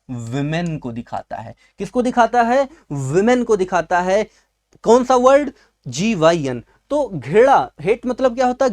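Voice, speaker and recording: A man's voice: sits high, a little mellow. A male teacher giving an exam-prep vocabulary lesson at a writing board. He asks questions and answers them himself, repeating key words, and addresses his students fondly. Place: at a writing board in a class video.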